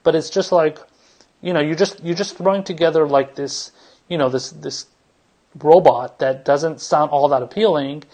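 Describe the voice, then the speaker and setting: This man's voice is a little high with a darkish tone. He hosts a political commentary podcast and rambles, restarting often, leaning on fillers and swearing casually.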